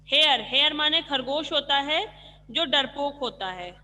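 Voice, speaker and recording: Bright-voiced woman teacher, echoing room. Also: high voice, lively intonation, unhurried. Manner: explains patiently, asks questions and answers them herself. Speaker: school teacher. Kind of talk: online class lesson explaining vocabulary.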